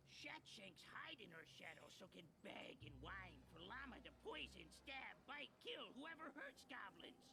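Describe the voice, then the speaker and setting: A man's voice: high voice, creaky, noisy background, heavily acted. A man voicing a boastful male goblin seer who talks in broken pidgin grammar. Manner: broken pidgin speech, self-important.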